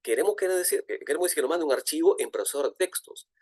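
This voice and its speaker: A middle-aged man, lecturing at a virtual conference, lively and full of fillers and restarts. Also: on the high side, racing, dry recording, studio quality. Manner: animated, frequent fillers and restarts. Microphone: video call.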